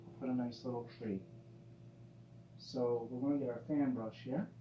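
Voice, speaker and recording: Gentle guy teaching painting step by step, real relaxed and encouraging, echoey room, faint hum behind him. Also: medium pitch, normal speed. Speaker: painting instructor. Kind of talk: painting demonstration, casual instruction. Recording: dull, roomy sound with faint hum.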